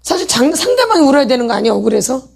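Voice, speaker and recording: A woman's voice: high voice, very animated, rapid-fire, vocal fry, a little mellow. A middle-aged woman leading a church healing meeting who keeps asking the audience questions and answering them herself. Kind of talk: sermon lecture with call-and-response questions.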